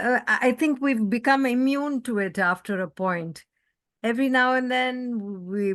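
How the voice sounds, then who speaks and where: Woman moderator. Slow, earnest, halting delivery. Dry close recording. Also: mid-range voice, no echo. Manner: earnest, halting, searching for words. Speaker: festival moderator. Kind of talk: conversational interview questions.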